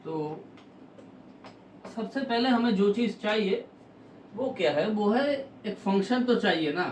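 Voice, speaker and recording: Man, high voice, math lecture, echoey room, mic at a distance. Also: lively intonation, a little hiss or hum. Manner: slow, explanatory, with frequent pauses. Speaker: math teacher.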